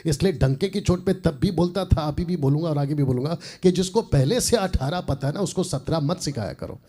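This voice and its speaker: A man's voice: on the high side, fairly quick, mellow. A man preaching a sermon as host of a nightly program, reading scripture and speaking directly to his critics. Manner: combative, addresses critics directly; reads and explains scripture.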